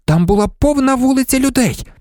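A man's voice: extremely high pitch, animated, brisk, a little mellow, dry recording, studio quality, voice pushed up. A man voicing an agitated, insistent teenage boy who exclaims urgently.

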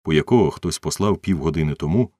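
A man narrating a novel as an audiobook reader, in an expressive storytelling manner. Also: extremely low pitch, fast, no echo, clean studio sound.

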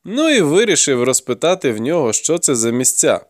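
A man voicing a hardened, grim male warrior who questions a captive in a gruff, mocking way. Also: fairly high pitch, very animated, a little fast, no echo, clean studio sound.

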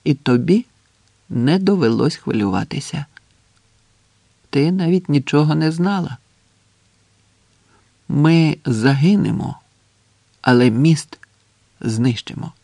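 A man's voice: a little high, animated, takes it slowly, vocal fry, pauses often, dry recording, exaggerated voice. Give me a tender young man murmuring to his sleeping beloved, as a male narrator reads him. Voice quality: hushed, barely audible.

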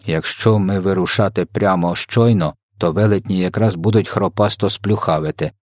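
BFG, a gentle giant, as a man puts him on. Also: deep voice, no room sound, clean studio sound. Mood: good-natured. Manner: slow, muddled, garbled speech. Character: kindly huge old male giant, mangles words. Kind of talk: storybook character voice.

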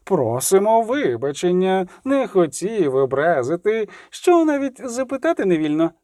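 Man doing a young male bandit, leering, taunting, raised pitch, dry close recording. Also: very animated, brisk, darkish tone, dry recording. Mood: fake-polite. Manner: sneering, taunting.

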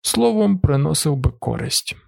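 A man's voice: fairly high pitch, sing-song, a little slow, gravelly, a little mellow, no echo, clean studio sound, pitched above the performer's own voice, full character voice. A man voicing a boastful, crude male drifter who orders his servant around with mocking bravado, in an audiobook. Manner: brash, mocking and commanding.

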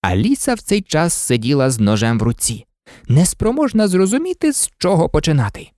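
A man reading a storybook aloud with animated, swooping expression. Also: fairly high pitch, brisk, no echo, clean studio sound. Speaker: storybook reader.

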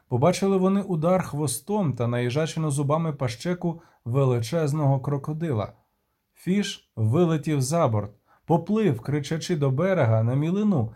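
A man narrating an audiobook with a steady, measured reading. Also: on the high side.

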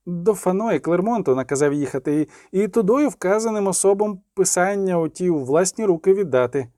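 A man's voice: high-pitched, lively intonation, brisk, warm tone, no echo, clean studio sound, voice pushed up. Man doing a fawning rustic peasant lad. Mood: eager. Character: servile eager young male peasant lad.

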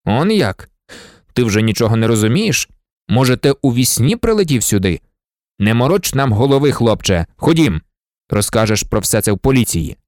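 A man reading an audiobook, voicing a stern, impatient policeman who talks in a brisk, scolding, sarcastic way. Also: medium pitch, sing-song, a little mellow, no room sound, studio quality, pitched below the performer's own voice, lightly acted. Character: gruff stern male policeman, mocking and impatient.

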